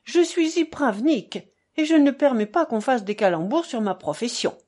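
A woman voicing a tall, heavy, morose male police official in an audiobook reading, speaking gravely and stiffly. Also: on the high side, lively intonation, moderate pace, a little mellow.

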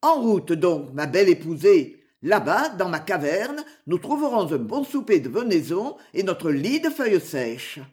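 A woman's voice: fairly low pitch, very animated, a little slow, hardly any pauses, a little mellow. A woman reading aloud voices a fierce, mocking male outlaw who boasts and threatens. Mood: boastful.

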